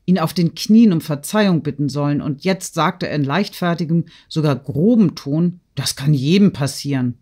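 Measured male audiobook narrator. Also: a little high. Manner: measured, even literary reading. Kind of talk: scripted narration.

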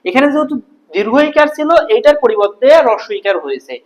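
Tutor, animated pitch, rhetorical-question teaching style. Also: a little fast, poor audio. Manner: explains step by step, asks and answers own questions. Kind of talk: classroom grammar lesson.

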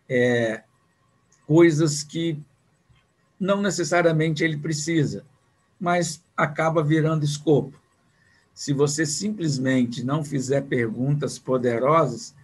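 A husky, mid-range male voice belongs to a man in his sixties delivering an online business lecture over video call. He talks conversationally, repeating words and posing rhetorical questions.

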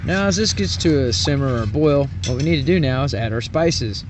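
A man's voice: medium pitch, animated, a little fast. A man casually rambling through a cooking demonstration at a camp stove outdoors at night. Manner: rambling, folksy, chatty. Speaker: cooking vlogger. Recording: distant, dull camera audio with outdoor noise.

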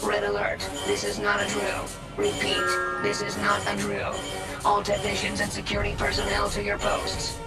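A male base announcer blaring alerts over an air-raid style public-address loudspeaker in a video game. His voice sits high and stays almost perfectly flat, clipped and drilled. It comes from a distance with a roomy echo, and loud game music plays beneath it. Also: moderate pace. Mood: urgent. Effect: echoey public-address loudspeaker. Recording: echoey, distant, music behind.

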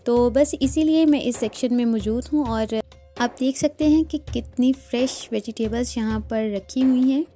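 A woman calmly narrating her shopping vlog as a voice-over. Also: fairly high pitch. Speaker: vlogger.

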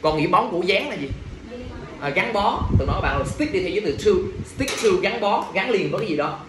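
In an exam review class, a male teacher rattles off quick questions to his students and checks in after each point, sounding expressive. His slightly high voice is captured from a distance, with heavy room echo and faint background noise.

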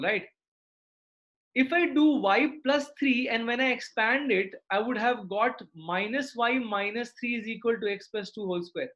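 A man's voice: extremely high pitch, a bit bright, lo-fi sound. A middle-aged man with a South Indian accent, teaching maths in a live online class and checking understanding with tag questions. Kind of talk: live interactive online lesson.

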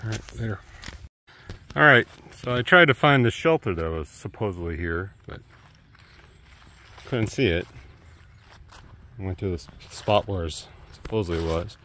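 A man's voice: fairly low pitch, animated, normal speed, long pauses, sharp tone. A man in his thirties vlogging casually while hiking a wooded trail, rambling and trailing off with fillers, recorded on an earbud mic with the phone at arm's length. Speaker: thru-hiker vlogger.

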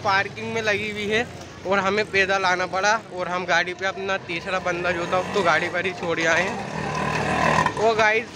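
A man's voice: high-pitched, steady tone, moderate pace. A young man vlogging casually on a street and urging viewers to like, share and subscribe. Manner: chatty, pleading with viewers. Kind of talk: casual vlog chat. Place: outdoors at a market. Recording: noisy street outdoors.

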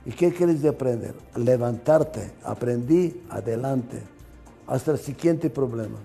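A man's voice: mid-range voice, measured pace, gravelly, mellow, faint music behind. An older man giving a management lecture, emphatic and repetitive, asking rhetorical questions, with slightly non-native grammar.

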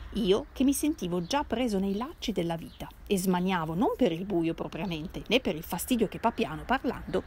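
A woman reading a classic novel aloud in an expressive, measured way. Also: medium pitch, a little hiss or hum. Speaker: reader.

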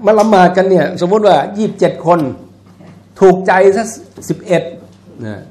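A man's voice: high voice, normal speed, a little mellow. A man giving a religious lecture in a mosque, explaining in a conversational way with jokes and asides, and chanting scripture passages. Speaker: Islamic lecturer. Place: mosque hall.

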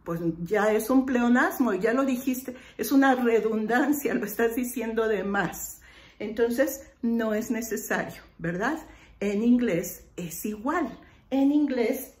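Woman teacher, slow careful delivery, roomy echo, patient repeats. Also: a little high, darkish tone. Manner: slow, patient, repeats example phrases deliberately. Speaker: English teacher. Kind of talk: online lesson explaining grammar.

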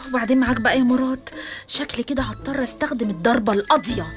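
A woman with an Egyptian Arabic accent playing a young wife in a comic radio drama, defensive and full of quick excuses. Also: fairly high pitch, over music, lightly acted. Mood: evasive. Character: evasive young wife caught in lies.

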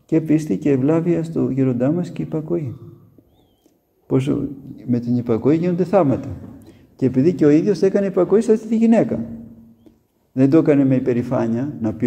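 Male monk, sermon, storytelling, very dark voice, gravelly, echoing church. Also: a little high. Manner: storytelling with quoted dialogue. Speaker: archimandrite monk preaching.

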